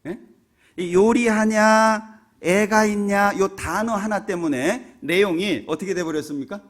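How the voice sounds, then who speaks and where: A man's voice: high voice, measured pace. A man preaching a sermon in a church. He tells a funny story and keeps asking the congregation rhetorical questions. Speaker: pastor. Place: church sanctuary.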